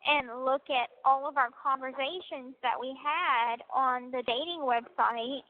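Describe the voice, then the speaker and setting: A woman talking casually over a prison phone line, relaxed and answering briefly with soft agreeing sounds. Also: sits high, a little slow. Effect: speaking over a prison phone line. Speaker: inmate on a phone call. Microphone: telephone handset.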